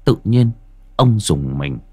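A man narrating a horror story with dramatic, suspenseful pacing and sharp rises and drops. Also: on the low side, very animated, takes it slowly, husky, no echo.

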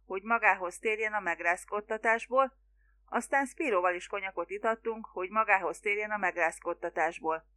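Brief: woman audiobook narrator, bright tone, steady measured reading. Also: medium pitch. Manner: even, measured storytelling. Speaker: audiobook reader. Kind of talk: scripted narration.

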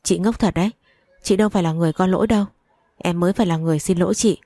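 A woman's voice: lowish voice, racing, mellow, no room sound, close to an everyday voice. A woman voicing a remorseful young wife apologizing earnestly, in a read-aloud story.

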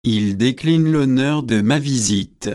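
A man's voice: mid-range voice, slow pace, darkish tone, lightly acted. A man voicing a coarse, foolish male visitor who is insistent and indignant.

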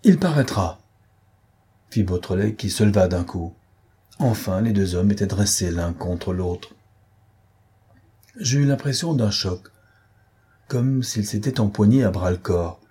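A man narrating a literary audiobook with measured, dramatic storytelling. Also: fairly low pitch, warm tone, husky.

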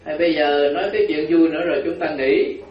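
High-voiced monk telling funny sermon stories. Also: male voice, steady tone, fast talker. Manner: humorous, laughing while telling anecdotes. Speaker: Buddhist monk giving a dharma talk. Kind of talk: storytelling sermon. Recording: roomy, distant, dull hall recording with audience. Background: audience laughter.

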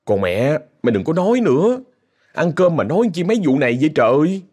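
A man's voice: on the high side, sing-song, brisk, darkish tone, pitched above the performer's own voice. A man voicing a meek young man pleading and placating his girlfriend.

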